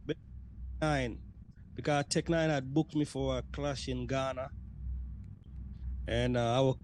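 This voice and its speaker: South Sudanese man giving slangy shout-outs. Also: medium pitch, little pitch movement, measured pace, a little hiss or hum. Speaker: sound clash selector. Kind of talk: radio interview guest.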